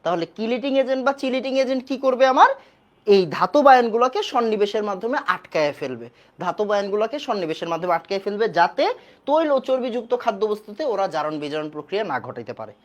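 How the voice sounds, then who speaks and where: A woman's voice: mid-range voice, animated, fast talker. Repetitive woman chemistry teacher, quizzing. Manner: repeats key points and quizzes the class. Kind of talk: online class lecture.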